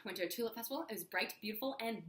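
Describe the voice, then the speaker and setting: A woman's voice: fairly high pitch, rapid-fire. A young adult woman co-hosting a casual vlog, telling stories with giggles and lots of fillers. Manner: giggly, animated storytelling with many fillers. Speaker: vlog co-host. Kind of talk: casual chat. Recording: echoey room.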